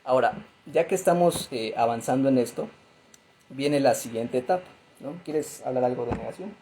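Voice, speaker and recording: Mellow-voiced therapist man. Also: medium pitch, moderate pace, a little hiss or hum, poor audio. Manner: conversational, frequent fillers and tag questions. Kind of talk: explanatory talk on grief.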